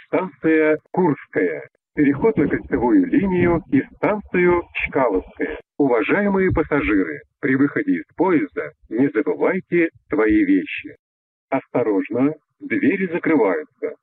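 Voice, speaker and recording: A man making formal, measured metro announcements over the train intercom. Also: medium pitch, husky, no room sound. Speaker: transit announcer. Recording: tinny lo-fi train loudspeaker.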